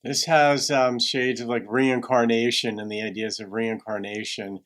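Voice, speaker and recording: A man's voice: medium pitch, flat delivery, moderate pace, a bit bright. Thoughtful man giving musing commentary. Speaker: reaction video host. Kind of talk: conversational commentary.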